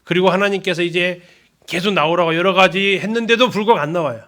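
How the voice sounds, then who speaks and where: A man's voice: fairly high pitch, fairly bright tone. A man leading a Bible study lesson in a church, reading scripture aloud and putting questions to the congregation. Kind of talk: sermon-style Bible lesson.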